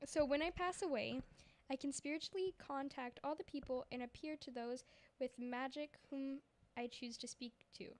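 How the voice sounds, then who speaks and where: A woman's voice: high-pitched, moderate pace. A young woman co-hosting a casual podcast from a bedroom, giggly and often dropping into a whisper while reading aloud. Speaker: podcast co-host. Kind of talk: casual chat.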